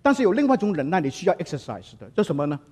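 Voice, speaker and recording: Man, pastor, sermon, husky voice, fairly high pitch, lively storytelling. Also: very fast. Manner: lively storytelling, mixing in English words.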